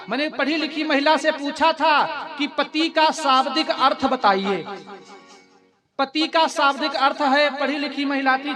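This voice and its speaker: A man preaching a devotional katha sermon in with a tinge, telling a story in an animated way and often turning to his listeners. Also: extremely high pitch. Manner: animated storytelling, addressing the audience. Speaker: religious storyteller. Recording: music behind the voice.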